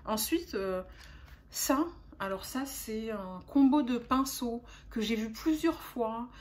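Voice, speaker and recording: A woman's voice: a little high, takes it slowly, a little mellow. A young adult woman chatting casually as a beauty vlogger, talking in a chatty, hesitant way with frequent fillers and restarts. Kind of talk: casual haul chat.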